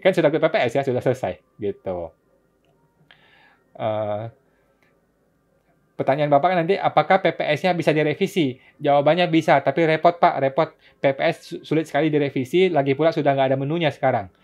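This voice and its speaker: A man's voice: fairly high pitch, a little fast, long pauses, darkish tone. A man hosting a casual live-stream Q&A, reading viewers' questions and answering them patiently with frequent chuckles. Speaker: tax consultant host answering viewer questions. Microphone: phone or laptop mic for live stream. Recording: dull lo-fi live-stream audio.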